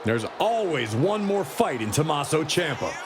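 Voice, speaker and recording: A man's voice: on the high side, sing-song, normal speed. A man doing analytical wrestling commentary during a match. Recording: noisy, loud crowd behind.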